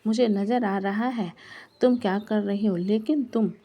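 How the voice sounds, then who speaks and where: A short-tempered young husband who guards his family jealously and snaps when crossed, read out by a woman storyteller. The voice is gravelly and darkly warm, and its complaints come clipped and exasperated. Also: high-pitched, fairly even intonation, unhurried. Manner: snappish, exasperated. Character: young married man, irritable and possessive. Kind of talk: storybook reading.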